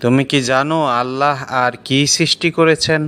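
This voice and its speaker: A man voicing a kindly angel in a children's cartoon, asking formal questions slowly and solemnly. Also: a little high, steady tone, bright, forceful tone, smooth.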